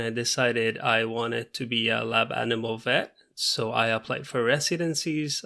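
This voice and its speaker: A Puerto Rican man in his thirties, a native Spanish speaker with a Puerto Rican Spanish accent, appears as a veterinarian guest on a podcast. His mid-range voice is a bit bright with vocal fry, and he speaks earnestly and in a measured way, using lots of fillers.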